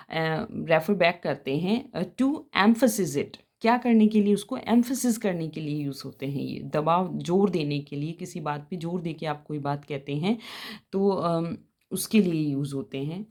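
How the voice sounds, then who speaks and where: A woman teaching an English grammar lesson, explaining in Hindi. She reads the English examples slowly and deliberately, asks and answers her own questions, and fills pauses with "uh". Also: on the low side, dark tone. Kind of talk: classroom-style grammar lesson.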